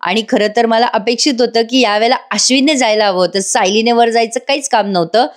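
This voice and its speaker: Woman review host, chatty voice-over recap, talks to the viewers, pitched a touch high. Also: quick pace. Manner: chatty, addresses viewers directly.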